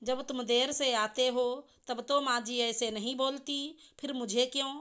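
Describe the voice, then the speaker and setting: A woman's voice: high-pitched, fairly even intonation, a little slow, a bit bright, smooth. A woman voicing a young working wife who protests earnestly against being blamed. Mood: indignant.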